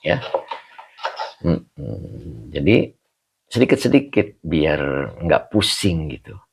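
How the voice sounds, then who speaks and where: A very deep, gravelly man's voice, with a husky edge and a lively, swooping pitch. He leads a relaxed online class at an unhurried pace, chatting with students by name and laughing easily. It comes through a video-call mic. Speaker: religious teacher.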